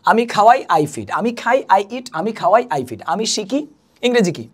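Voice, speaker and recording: A woman's voice: mid-range voice, very animated, normal speed. A young woman teaching an English lesson, patiently repeating and spelling out each word. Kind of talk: spoken language lesson.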